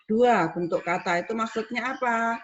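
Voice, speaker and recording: A woman university lecturer teaching students, explaining step by step and acting out spoken examples. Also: fairly high pitch. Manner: explains slowly with spoken examples, rising on questions. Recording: dull lo-fi recording with faint noise.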